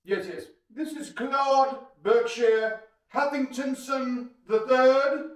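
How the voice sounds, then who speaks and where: Brief: man doing a pompous rich caller on speakerphone, very high and posh, distant and echoey. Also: slow. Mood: haughty. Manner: haughty, brusque, posh. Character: pompous wealthy older yacht-club man.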